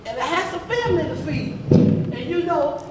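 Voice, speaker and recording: A woman with a high-pitched, lively voice speaks at a normal speed, drawling as an old grandmother who worked the fields, folksy, scolding and rambling, in a play. In a reminiscing mood she tells stories and calls listeners "baby" in this amateur gospel stage monologue. It was recorded on a church sanctuary stage in a roomy, mid-sized hall by a distant camera mic, with audience noise present.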